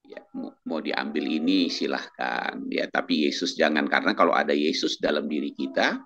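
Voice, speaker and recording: A man, a doctor and church minister, telling his faith testimony in a casual talk-show chat, animated, quoting others and chuckling as he goes. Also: rumbling low, moderate pace.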